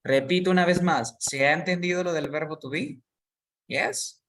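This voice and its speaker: An English teacher, giving a basic lesson and slowly drilling each word with students. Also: medium pitch, far from the mic. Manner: slow and patient, repeats each word for students.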